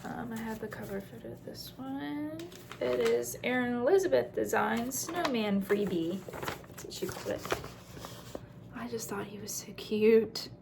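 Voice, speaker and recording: Hosting a craft show-and-tell, a woman chats casually and rambles along, dropping self-deprecating asides. Her voice is a little high and gravelly, her pace unhurried, with background noise behind her.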